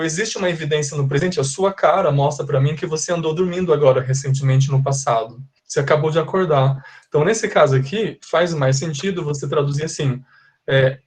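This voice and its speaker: A man's voice: fairly high pitch, darkish tone. A Brazilian man who teaches English, giving a live online class. He explains patiently, repeats his points and keeps checking that his students understand. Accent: Brazilian Portuguese.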